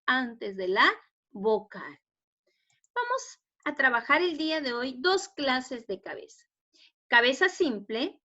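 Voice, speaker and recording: Peruvian woman teacher, patient and explanatory, slightly high voice, slow pace, dull lo-fi audio. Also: bright, forceful tone. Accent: Peruvian Spanish. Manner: patient, explanatory, asks rhetorical checks. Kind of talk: spelling lesson for students. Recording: dull lo-fi recording.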